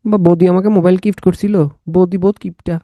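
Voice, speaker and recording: A man's voice: high voice, fairly even intonation, fairly quick, mellow, dry recording. A young man giving an exam-prep literature lecture, repeating key facts and breaking off into joking asides to his students. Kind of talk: live online lecture with banter.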